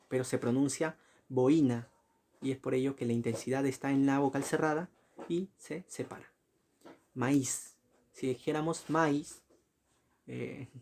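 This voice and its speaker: A man giving a recorded slide lecture, often correcting himself, asking short checking questions and spelling out examples slowly. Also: mid-range voice, darkish tone. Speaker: teacher.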